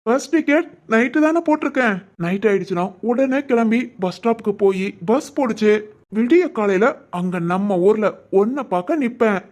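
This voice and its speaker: A woman voicing an eager young man in love in an animated village family story, with a southern Tamil Nadu accent, speaking affectionately and chuckling often. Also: on the high side, moderate pace, natural voice.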